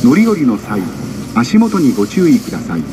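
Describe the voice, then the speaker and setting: A man makes formal platform announcements in a nasal, clipped voice. His pitch moves around in a lively way, over a distant speaker with clear train and ventilation noise behind him. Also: moderate pace.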